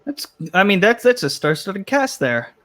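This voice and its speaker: Male show host, casual panel chat, a touch high-voiced, loose and rambling delivery. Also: sing-song, moderate pace, a bit bright. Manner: rambling, restarts, reads chat comments aloud.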